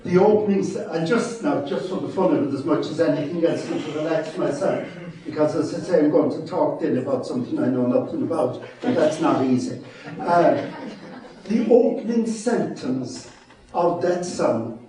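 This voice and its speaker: A man's voice: a little high, animated, normal speed, crowd noise. A man in his seventies with a West of Ireland accent, giving an informal talk as a wry, self-deprecating storyteller and preacher. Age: 70s. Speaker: retired mission priest, guest speaker. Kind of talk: informal public talk with anecdotes. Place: large echoey room before an audience. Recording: echoey hall, distant microphone.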